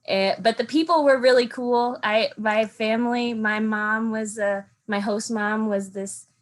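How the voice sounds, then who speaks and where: A young woman from Alaska, a guest on a podcast, talks earnestly about travel and home in a casual interview, thoughtful and saying um frequently. Her voice is fairly high and steady, and she speaks a little slowly.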